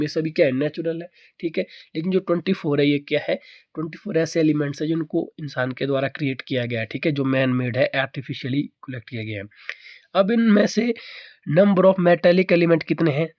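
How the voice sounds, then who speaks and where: A man's voice: on the high side, darkish tone, no echo. Dry close-miked male chemistry teacher. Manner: repeats key answers as questions to the viewer. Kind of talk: exam-prep chemistry lesson.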